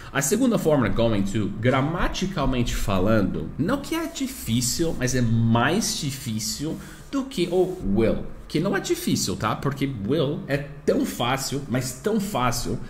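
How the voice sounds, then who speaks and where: A native English speaker, a man, teaching grammar to learners with a lively, bouncing intonation. He explains patiently, repeating words and slowing down to model pronunciation. A faint background noise sits under his voice. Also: mid-range voice.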